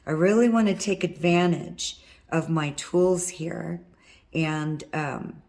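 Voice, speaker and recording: A woman with a low, worn-out, hoarse voice walks through a hands-on wire craft lesson. She is middle-aged and husky, and she talks casually while she works. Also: takes it slowly, a little mellow. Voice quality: husky from vocal cord nodules. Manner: chatty, talks while working with her hands. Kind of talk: step-by-step craft tutorial.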